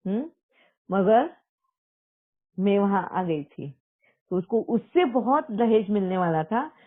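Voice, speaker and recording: A woman's voice: medium pitch, expressive, takes it slowly. A woman speaking earnestly as a spiritual speaker, recounting a personal testimony and mixing English words into Hindi. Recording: tinny phone-like audio.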